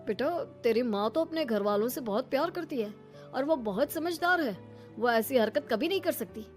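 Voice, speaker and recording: A woman's voice: high voice, animated, normal speed, soft background music. Woman voicing a firm, sensible older father. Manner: firm, reassuring. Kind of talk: animated storybook voice acting.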